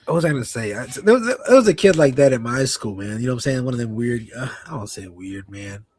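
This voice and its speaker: A man's voice: mid-range voice, quick pace, breathy edge. A young man co-hosting a casual late-night podcast, telling stories in a loose, slangy way. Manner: animated, slangy storyteller. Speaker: podcast co-host.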